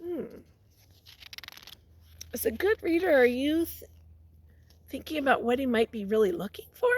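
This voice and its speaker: Reading a picture book to small children, a female teacher stops now and then to question and prompt her listeners. Her voice is high-pitched and expressive, slightly rough.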